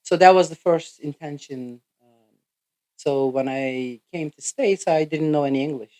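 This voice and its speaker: On a podcast, a physical therapist from Turkey answers in halting, accented English, his second language, with plenty of "you know" fillers. His voice sits on the high side and has a dark tone.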